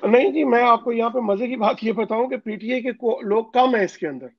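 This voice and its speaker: Heard over a phone call line, a Pakistani overseas community leader joins a political interview as a guest. His voice is extremely high and a little fast, and the phone audio is dull and dry without echo. He speaks insistently, with many hesitant fillers.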